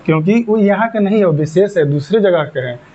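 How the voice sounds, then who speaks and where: Animated and brisk, a man with a slightly high voice and dark tone explains a classroom lesson step by step, repeating himself and answering his own questions. The recording comes across as dull, muffled lo-fi.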